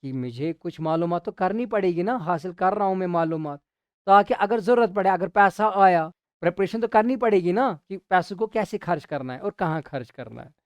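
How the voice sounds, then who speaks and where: A teacher walks through a school drama scene by scene, asking quick questions and answering them. Phrases get repeated for emphasis, with English words dropped in to explain them. The voice is dry and close, with almost no room sound. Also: medium pitch, animated, darkish tone, no room sound. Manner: mixes English glosses into the explanation. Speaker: Urdu teacher.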